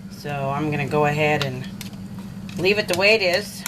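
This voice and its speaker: A woman with a low voice walks through home canning in her kitchen, chatting casually and thinking aloud as she goes. The home video has a steady, clearly audible background noise. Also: normal speed. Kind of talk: casual step-by-step cooking demonstration.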